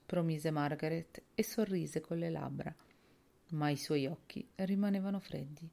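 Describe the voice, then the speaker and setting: A woman calmly reading a novel aloud as an audiobook narrator. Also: low voice, a little slow, creaky. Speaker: audiobook reader. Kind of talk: scripted narration.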